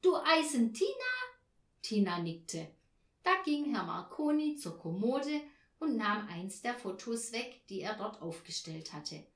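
A woman reading a children's story aloud as narrator, with slow, lively storytelling intonation. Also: medium pitch. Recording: roomy echo.

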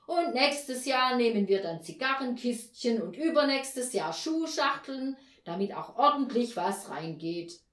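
A woman voicing a gruff, grumbling middle-aged father in a storybook reading, loud and scolding, recorded in an echoey room. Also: a little high, very animated, unhurried.

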